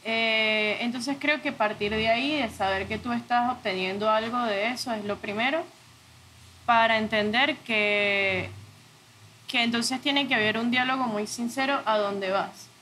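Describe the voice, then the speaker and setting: A woman's voice: on the high side, measured pace, bright, forceful tone, slight background noise. A woman speaking reflectively in an interview, searching for words and correcting herself. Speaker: interview guest, audiovisual art director.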